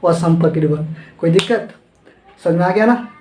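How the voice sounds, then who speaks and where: A man's voice: on the high side, moderate pace, a little mellow, reverberant, slight background noise, low-quality recording. A man teaching a physics lesson with homely examples, often checking whether students understand.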